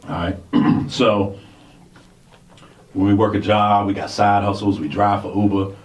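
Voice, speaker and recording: A man's voice: on the low side, level tone, a little slow, dull audio. A man in his forties co-hosting a radio talk show, talking in a laid-back, casual way. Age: 40s. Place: radio studio. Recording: roomy studio sound, mic at a distance, faint hiss.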